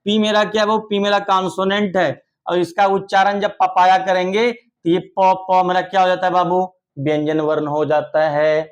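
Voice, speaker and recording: A high-pitched young man leads children through an online English grammar lesson, gently coaxing them and praising their answers at full volume. The recording sounds like its highs have been cut off.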